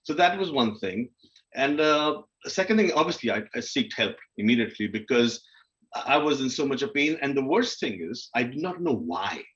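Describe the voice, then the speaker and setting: This man has a medium-pitched, sing-song voice that's a bit bright, delivered at normal speed on a muffled recording. As a panel guest, he talks candidly and informally about personal experience, questioning himself and acting out his inner dialogue.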